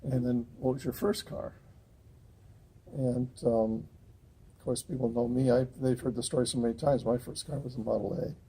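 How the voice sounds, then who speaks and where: A man's voice: medium pitch, steady tone, moderate pace, warm tone, slightly rough. A man hosting a casual interview at an outdoor car show, rambling and restarting his sentences. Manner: rambling, many fillers and restarts.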